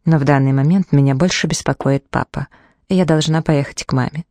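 A woman voicing a guarded, controlling adult sister in an audiobook, speaking calmly with a quiet, cutting condescension. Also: low voice, brisk, no room sound. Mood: evasive. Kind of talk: audiobook character reading.

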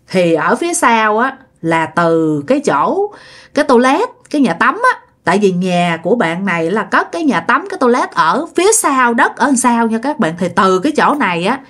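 A woman with a Southern Vietnamese accent, chattily retelling a listener's ghost story and repeating words for effect. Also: medium pitch.

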